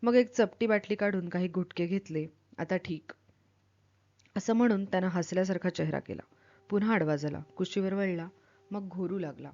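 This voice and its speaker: A woman reading a novel aloud with expressive, dramatic delivery, then explaining it as a literature teacher. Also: fairly low pitch, fairly quick, dull audio.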